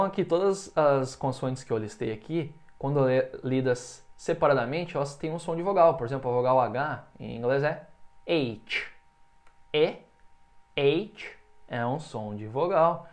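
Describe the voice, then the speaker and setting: Male English teacher drilling words to repeat. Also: mid-range voice. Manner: explains in Portuguese, then says English words slowly for the learner to repeat; checks in often with quick casual asides. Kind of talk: recorded online language lesson.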